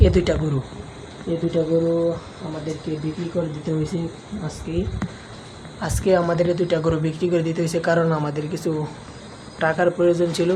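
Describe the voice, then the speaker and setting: Soft-spoken man vlogging in a cowshed. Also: a little high. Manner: speaking softly and hushed. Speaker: village lifestyle vlogger. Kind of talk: casual vlog talk to camera. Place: cowshed at night. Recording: noisy background.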